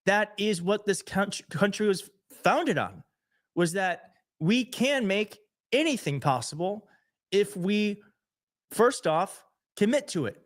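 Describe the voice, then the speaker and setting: A young male host talks to his live-stream audience in an earnest, openly emotional way. His voice sits a little high, and he speaks with heartfelt warmth about what he believes in. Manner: emotional, earnest, self-deprecating. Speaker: show host.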